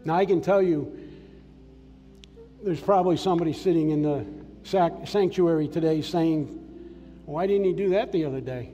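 Speaking at a normal pace with frequent pauses, this older man from Massachusetts delivers a sermon on a big church's sanctuary stage. His slightly high voice carries plain, heartfelt personal testimony over soft music, with long hall reverb around it.

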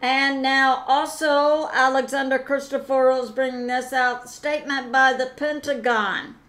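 A woman hosting her own channel, talking through news commentary on her own, pausing often with fillers and correcting herself as she goes. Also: high voice, steady tone, a bit bright. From United States. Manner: slow, halting, with many "uh" fillers and self-corrections. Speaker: channel host.

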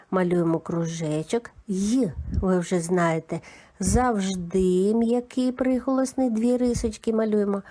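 A woman giving a calm, methodical lesson for young children, naming each sound of a word one by one. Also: mid-range voice. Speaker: teacher. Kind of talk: slow, patient children's literacy lesson.

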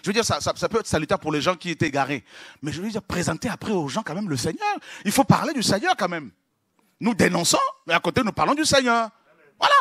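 A man preaching a sermon, moving from low, confiding talk to shouted praise. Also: no echo, studio quality.

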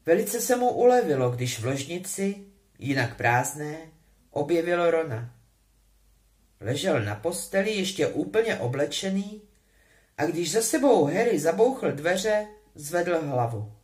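A woman reading a novel aloud with an expressive, animated delivery. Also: low-pitched. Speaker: audiobook reader.

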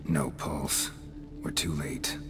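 A gruff, stoic monster hunter from a fantasy video game, speaking in clipped, flat sentences. The voice sits extremely low and rumbles. Game music plays behind him. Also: male voice, slow. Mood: terse. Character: gruff middle-aged male monster hunter, terse and stoic.

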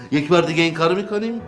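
A man's voice: on the high side, natural voice. An actor playing a clownish amateur magician with playful showman patter. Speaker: sitcom character, amateur magician. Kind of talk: sitcom acting.

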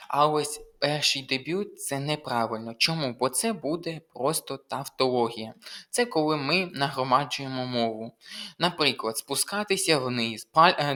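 A man's voice: mid-range voice, pushed and bright. A young man from Ukraine, a university student, tutoring language by reading test options aloud and explaining each answer step by step. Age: young adult. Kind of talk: test walkthrough lesson.

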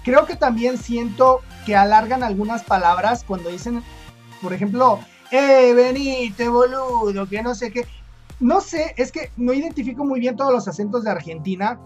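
A woman's voice: fairly high pitch, expressive, moderate pace, faint music behind. Chatty Mexican woman explaining accents. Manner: chatty, thinking aloud with fillers. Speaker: video host. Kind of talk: casual explanatory commentary.

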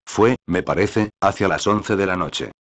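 A calm, warm-hearted king speaks with measured, reassuring authority in an audiobook. A man reads him in a deep, low voice. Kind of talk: audiobook reading.

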